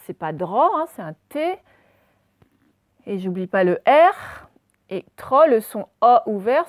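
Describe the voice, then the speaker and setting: A woman teaching a dictation lesson, slowly spelling out words letter by letter for her pupils. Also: mid-range voice, darkish tone, no room sound, studio quality. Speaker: primary school teacher.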